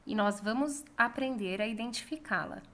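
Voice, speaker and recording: A woman teacher with a Brazilian Portuguese accent, giving a recorded lesson for children and drawing out words slowly so pupils can hear them. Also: a little high, fairly bright tone.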